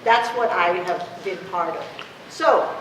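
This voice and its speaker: With a fairly low pitch and a slow pace, a woman in her fifties speaks Spanish in a fervent, conversational public address as an activist, leaning on rhetorical questions. The mic sits far off in an echoing room, and the noise is clear.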